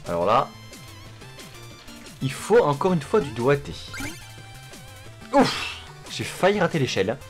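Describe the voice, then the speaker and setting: A man's voice: mid-range voice, very animated, a little slow, long pauses. A man giving casual gameplay commentary, with sweary, self-mocking asides. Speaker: gamer commentating a playthrough. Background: game music.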